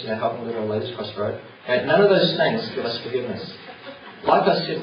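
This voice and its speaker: Earnest male church speaker, chatty sermon delivery; distant, dull, echoey recording. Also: mid-range voice. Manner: earnest, conversational, many fillers. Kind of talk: evangelistic church talk. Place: church hall. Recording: roomy, distant, dull with noise.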